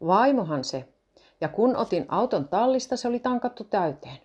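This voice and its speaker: A woman reading a patient father of two small children, with a gently coaxing manner. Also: medium pitch, big pitch swings, slightly rough, highs cut off, pitched above the performer's own voice. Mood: cheerful.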